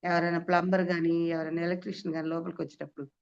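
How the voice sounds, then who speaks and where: A woman preaching an Easter sermon to a women's meeting, giving testimony with emphatic rhetorical questions and sudden high exclamations. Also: little pitch movement, rapid-fire, vocal fry, a little mellow, clean tone. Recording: dull lo-fi recording.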